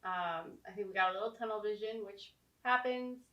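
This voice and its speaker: Halting woman with a slight lisp. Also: medium pitch, lo-fi sound. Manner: halting, frustrated, many restarts. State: slight lisp from new teeth aligners. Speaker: vlogger, co-host of a sailing channel. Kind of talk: casual chat to camera. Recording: echoey room, distant mic, faint music.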